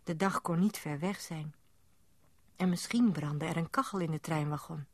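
Quiet woman narrating a storybook. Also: deep voice, no room sound. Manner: calm, quiet, measured. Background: music.

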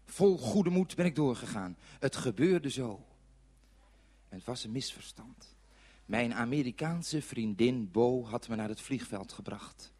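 An actor playing a clumsy, bandaged forest ranger who tells children a dramatic story, swinging from hushed murmurs to shouts. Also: male voice, medium pitch, close to an everyday voice. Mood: wistful. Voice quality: animated, sweeping from hushed to shouting. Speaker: children's TV presenter in character.

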